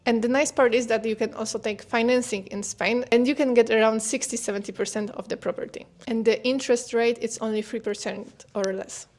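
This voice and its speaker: A young Polish woman speaking English as a second language in a relaxed, chatty way. Her voice sits a little high, and she often breaks into laughter. Her phrasing has the small slips of a non-native speaker. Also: fairly quick, hardly any pauses. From Poland. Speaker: co-host. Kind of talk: casual chat.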